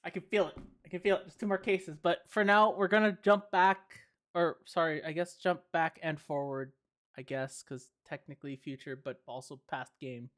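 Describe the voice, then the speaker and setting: A woman's voice: deep voice, steady tone, moderate pace. Rambling woman streamer. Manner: rambling, self-correcting. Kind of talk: casual let's-play chat.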